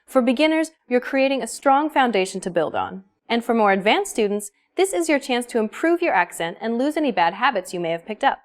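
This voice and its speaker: A woman reading a scripted language-lesson narration in a bright, clearly articulated way. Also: on the high side, very animated, brisk, few pauses. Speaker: lesson presenter. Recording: faint music underneath.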